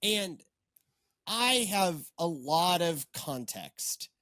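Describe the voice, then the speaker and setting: A man's voice: fairly high pitch, big pitch swings, very slow, sharp tone, no echo. A man in his twenties or thirties, a pastor hosting a podcast, in casual chat, rambling and wry with many fillers and restarts. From Texas.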